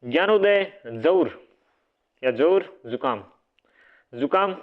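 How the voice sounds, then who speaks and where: A man's voice: fairly high pitch, lively intonation, slow. A man teaching a casual exam-prep spelling lesson, repeating each word and quizzing his listeners, sometimes correcting himself. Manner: repeats words, quizzes listeners with "what will it be?"; self-correcting, casual asides. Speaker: Hindi grammar teacher. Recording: phone-like narrow band audio.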